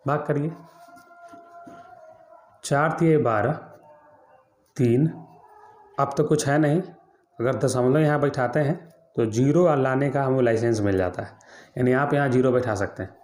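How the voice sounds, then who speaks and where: Maths teacher in an echoey room. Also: male voice, mid-range voice, a little slow, pauses often, a little mellow. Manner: repeats key points, quizzes students. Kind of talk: explaining lesson.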